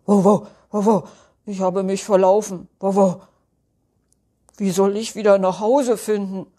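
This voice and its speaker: A woman voicing a curious little male terrier who barks between his words, reading a storybook aloud, slow and breathy. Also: medium pitch, steady tone, dark tone, natural voice. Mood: eager.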